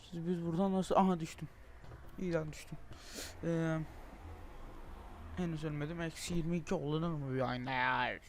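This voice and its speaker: A young man giving frustrated gameplay commentary, swearing, groaning and shouting in exasperation as he plays. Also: on the high side, fairly even intonation, moderate pace, long pauses, a little hiss or hum. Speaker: gaming video creator.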